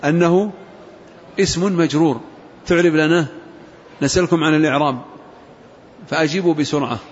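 A man teaching a grammar lesson to a class, asking questions and repeating key words slowly for emphasis. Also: fairly high pitch. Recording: muffled recording with faint hiss.

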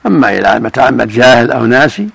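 An older man, a religious scholar, answering questions in a measured, explanatory way. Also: mid-range voice, animated, creaky, fairly bright tone, slightly rough, dry recording. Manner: measured, explanatory, chants call-to-prayer examples.

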